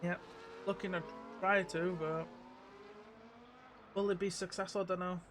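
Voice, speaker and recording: A man's voice: high voice, little pitch movement, unhurried, background noise. A man commentating live on an online race, chatty, often restarting his sentences. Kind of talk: live sim racing commentary.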